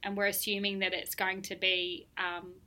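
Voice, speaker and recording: A woman's voice: medium pitch, little pitch movement, normal speed, sharp tone. A woman hosting a casual talk, swearing casually and laughing often as she leads the conversation. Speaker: podcast host. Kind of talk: casual chat.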